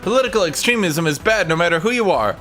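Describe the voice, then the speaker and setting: A man's voice: high-pitched, animated, fast talker, pushed and bright, soft background music. A young man streaming a game, talking casually and sarcastically to his chat and swearing freely. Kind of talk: casual live-stream commentary.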